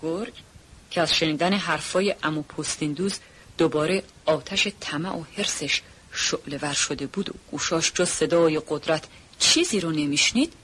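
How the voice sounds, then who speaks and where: A narrator telling a children's story in an expressive storytelling way, with a husky voice. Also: mid-range voice.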